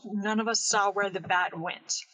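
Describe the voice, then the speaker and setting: A player in a tabletop game, talking deliberately and planning each move carefully. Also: mid-range voice, fairly even intonation, sharp tone, poor audio. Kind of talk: casual tabletop play.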